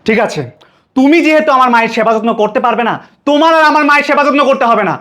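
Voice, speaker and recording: A man's voice: very high-pitched, racing, pushed and bright. A man playing a stern scolding husband. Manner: commanding, scolding. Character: stern young husband, fed up with his wife. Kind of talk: short-film drama acting.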